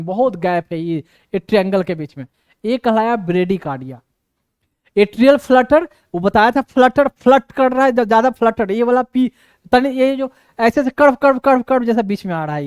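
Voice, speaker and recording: A man's voice: high voice, darkish tone, clean tone, no echo, studio quality. A man lecturing on medicine, repeating his points for emphasis and often checking that students follow. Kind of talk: classroom explanation.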